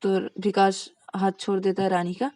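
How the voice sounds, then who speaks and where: A woman's voice: mid-range voice, completely flat delivery, moderate pace, mellow, no room sound, clean studio sound. A woman narrating a romance story in a plain, casual, repetitive way. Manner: plain, repetitive, linking lines with "to tabhi".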